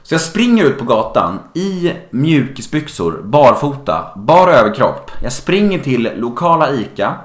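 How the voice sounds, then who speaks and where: A man telling a personal story in casual talk, animated and swearing freely. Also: mid-range voice, few pauses, roomy sound.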